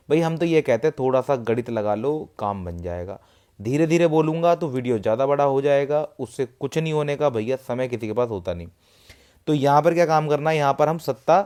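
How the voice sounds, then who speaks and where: A matka chart tipster with a fairly high, slightly mellow voice talks casually to viewers. He is chatty and walks through a number chart step by step, repeating himself often.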